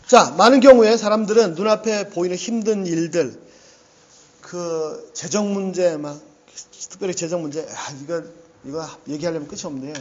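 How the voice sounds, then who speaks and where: A man preaching a sermon, animated and conversational, often affirming himself with "yes.". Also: fairly high pitch, dull audio. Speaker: pastor.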